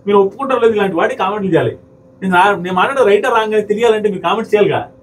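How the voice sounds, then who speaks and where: Fast, high-pitched man ranting on a show. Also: recorded from a distance, slight background noise, rough recording. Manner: heated, argumentative, mimics quoted speakers. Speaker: commentator reviewing a reality show episode. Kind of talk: fast opinionated commentary to viewers.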